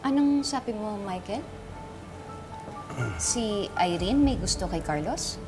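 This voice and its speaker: An actress playing a trusting but challenging wife in a TV drama, with a Filipino accent. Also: female voice, mid-range voice, very animated, slow, over music. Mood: taken aback. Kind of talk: TV drama dialogue.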